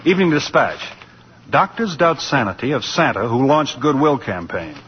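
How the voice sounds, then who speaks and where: A man's voice: mid-range voice, very animated, normal speed, lightly acted. Persuasive lawyer played by a man, vintage radio sound. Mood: pleased, brisk. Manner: persuasive, firm. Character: earnest, quick-witted male lawyer, loyal friend. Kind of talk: 1940s radio acting. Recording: muffled, noisy 1940s radio recording.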